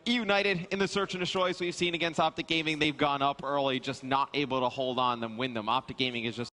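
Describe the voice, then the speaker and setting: A man's voice: medium pitch, steady tone, quick pace, bright, forceful tone. A man giving casual, analytical esports commentary as a caster.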